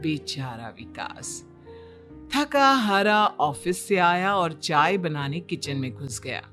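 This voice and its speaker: A woman's voice: low voice, big pitch swings, slow, a bit bright, soft background music. A woman giving scripted narration as the storyteller of a cartoon moral tale.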